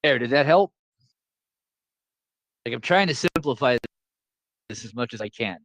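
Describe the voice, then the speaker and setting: A man's voice: mid-range voice, lively intonation, unhurried, fairly bright tone, no room sound, rough recording. A man teaching a class over a video call, explaining in a casual, joking way and repeating his points to keep them simple. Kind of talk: casual online class lecture.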